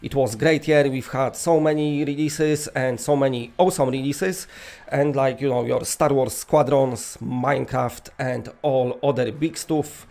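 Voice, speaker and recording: Polish man joking through awards presentation, gravelly edge. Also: mid-range voice, fairly even intonation, unhurried, darkish tone. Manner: joking, tongue-in-cheek. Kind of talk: casual, rambling awards presentation.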